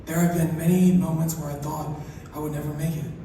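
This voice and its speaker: Man, slurred half-numb mouth, soft-spoken, acceptance speech, very echoey hall, distant mic. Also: a little high, flat delivery, fairly quick, a little hiss or hum. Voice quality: slurred, numb-mouthed articulation from one-sided facial paralysis. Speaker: award recipient. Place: large hall through PA.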